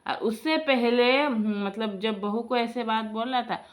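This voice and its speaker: A woman's voice: on the high side, slow. A woman telling a personal family story in a casual, chatty way, speaking to her viewers as friends and often restarting her sentences. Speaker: storyteller, vlogger.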